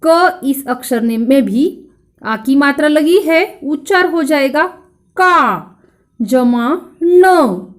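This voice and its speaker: A woman with a Marathi accent teaching a grammar lesson to children, saying each word slowly and repeating it for them to echo. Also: sits high.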